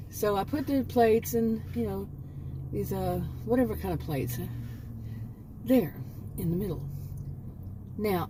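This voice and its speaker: A woman's voice: medium pitch, a little mellow, a little hiss or hum. A woman in her late fifties chatting casually in a rambling vlog, often correcting herself and chuckling at her own asides. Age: 50s. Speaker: homemaking vlogger.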